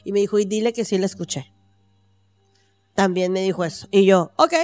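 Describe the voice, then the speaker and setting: Woman, Mexican accent, casual storytelling, animated, dry close sound, faint music behind. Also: medium pitch, fairly quick, no echo. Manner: animated storytelling, acting out quoted voices, slangy. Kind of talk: casual chat.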